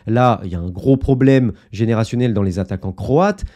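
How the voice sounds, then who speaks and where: A man's voice: lowish voice, fairly quick, warm tone. A man hosting a casual football video, chatting opinions to his viewers with many fillers and asides. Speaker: football YouTuber. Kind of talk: casual football analysis to camera.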